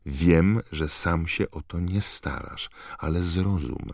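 A man's voice: sits low, slow pace, creaky, a little mellow, no echo, studio quality, pitched above the performer's own voice, full character voice. A man voicing a clever, earnest teenage schoolgirl witch who explains things patiently and insistently.

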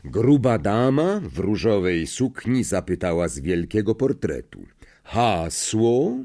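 Expressive male audiobook narrator. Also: low voice, measured pace. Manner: expressive, acts out characters. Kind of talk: scripted narration.

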